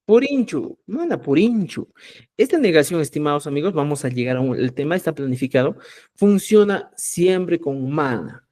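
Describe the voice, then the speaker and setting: A man teaching a live online language class, speaking slowly and with emphasis, and often checking whether the students follow. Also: a little high, animated, darkish tone. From Peru. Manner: checks understanding with repeated "¿ya?"; slow, emphatic drilling of example words.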